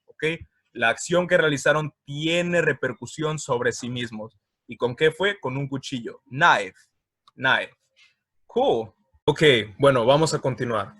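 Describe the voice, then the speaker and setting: A man teaching an English grammar lesson from slides, explaining patiently, checking in often, and repeating words slowly for pronunciation. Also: mid-range voice, a bit bright, no room sound.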